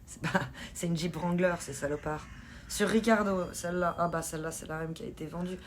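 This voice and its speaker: A woman's voice: on the low side, steady tone, a little fast, slight background noise. A woman hosting a casual live stream, chatting and laughing with her viewers as she reads the chat. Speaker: livestream host.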